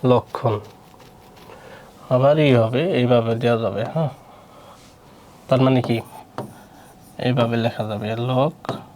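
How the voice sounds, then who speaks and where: A man's voice: medium pitch, fairly even intonation, slow pace, pauses often, darkish tone, a little hiss or hum. Man teaching, quizzing his class. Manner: repetitive, asks and answers his own questions. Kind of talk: spoken lesson on pronunciation rules.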